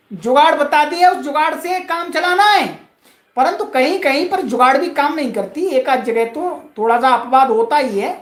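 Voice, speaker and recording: Woman, language teacher, playful coaxing drills, echoey room, unhurried. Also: sits high. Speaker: Sanskrit teacher. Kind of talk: classroom-style lesson with call-and-repeat drills. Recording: roomy echoey sound.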